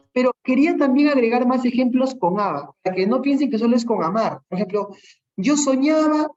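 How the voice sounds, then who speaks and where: Here a Peruvian-accented teacher, speaking Peruvian Spanish, gives an online class with a mid-range, slightly mellow voice on audio whose highs are cut off. Many examples are covered patiently, with frequent tag questions to check understanding.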